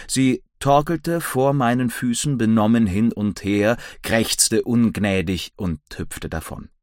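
A man reading a first-person audiobook story in a measured, wry, dry manner. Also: on the low side, no room sound. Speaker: audiobook narrator. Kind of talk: scripted first-person narration.

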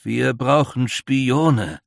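A man's voice: mid-range voice, drawn-out words, creaky, dry recording, pitched above the performer's own voice, heavily acted. A cautious older councilman, voiced by a male reader, who speaks in a dry, skeptical way. The sound is close and dry.

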